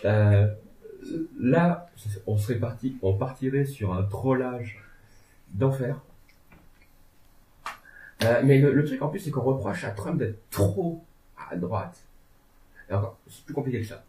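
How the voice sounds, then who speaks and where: This legal and political commentator talks politics casually and ramblingly, full of hesitations and joking asides. His medium-pitched, mellow voice moves slowly with long pauses, and the audio sounds tinny and phone-like in an echoey room.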